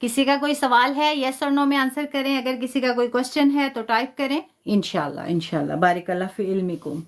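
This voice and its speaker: A woman's voice: high-pitched, flat delivery. Patient woman teaching Quran recitation. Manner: patient, spells out sounds slowly, praises students. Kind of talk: live online lesson.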